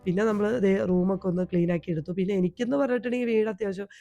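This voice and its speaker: Hoarse chatty Malayali woman vlogger. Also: mid-range voice, racing, muffled recording, soft background music. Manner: chatty, homely, tags sentences with a soft "ട്ടോ". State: hoarse, sick with a cold. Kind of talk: home vlog voice-over. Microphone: voice-over recorded at home.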